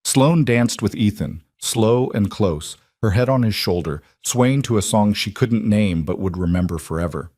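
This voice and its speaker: A male narrator reads a scripted story in a steady, measured delivery. His voice is low and the recording is close and dry. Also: no room sound.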